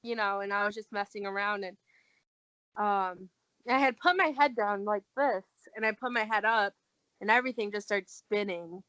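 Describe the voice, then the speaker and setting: A woman's voice: mid-range voice, moderate pace, no echo. Young woman telling a story, dry lo-fi sound. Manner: animated, acts out quoted dialogue. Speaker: guest. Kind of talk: casual storytelling. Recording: dull lo-fi recording.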